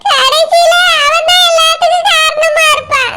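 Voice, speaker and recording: A woman voicing a tearful elderly village mother-in-law in a cartoon, wailing and shouting through tears. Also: extremely high pitch, steady tone, moderate pace. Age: older. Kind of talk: cartoon village comedy voice acting. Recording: loud background noise.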